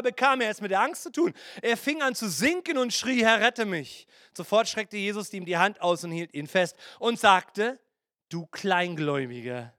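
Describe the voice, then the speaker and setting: A man's voice: extremely high pitch, pushed and bright, dry recording, studio quality. A man preaching a sermon as pastor, breaking into playful acted asides and mimicry.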